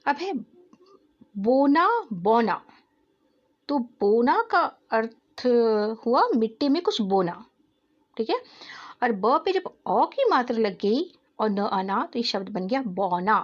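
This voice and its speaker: A woman teacher slowly and patiently explaining Hindi exercises to children, repeating each question and answer. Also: on the high side, sing-song, dull audio. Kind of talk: classroom-style lesson explaining Hindi exercises.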